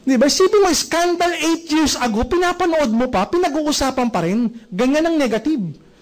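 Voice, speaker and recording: A man with a very high-pitched voice gives a motivational talk at a network marketing event. He keeps quizzing the audience with rhetorical questions. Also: animated, moderate pace.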